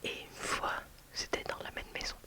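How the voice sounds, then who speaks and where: A woman whispers to her viewers at a moderate pace, telling a personal story as a video creator. The delivery is soft and tentative, broken up by restarts and plenty of fillers.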